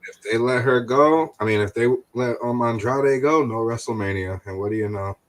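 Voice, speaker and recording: A man's voice: mid-range voice, normal speed, low-quality recording. A man on a casual wrestling podcast, delivering news items in a laid-back way. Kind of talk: casual chat.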